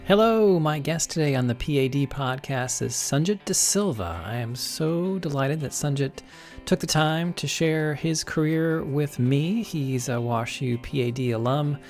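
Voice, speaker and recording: A man's voice: on the high side, unhurried, a little mellow, faint music behind. A man hosting an interview podcast, friendly and chatty, with frequent fillers and restarts. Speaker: podcast host.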